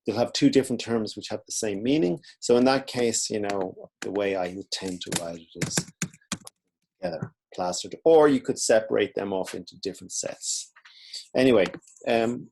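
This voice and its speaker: A man teaching in a relaxed, informal way, walking through a screen-recorded software tutorial. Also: on the low side, normal speed, gravelly, a little hiss or hum. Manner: relaxed, informal explaining while clicking.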